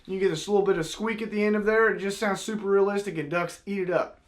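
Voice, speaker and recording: A man with a notably high voice teaches hunting calls in a casual tutorial style. He is plain-spoken and folksy, walking through technique step by step like an everyday instructor. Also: fairly even intonation, quick pace. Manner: folksy, plain-spoken, demonstrates with spoken sound syllables. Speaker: duck call maker and instructor.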